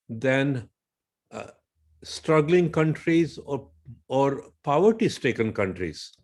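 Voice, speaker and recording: A man with an Indian English accent, a physician guest, explaining at a measured pace and citing figures. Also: medium pitch.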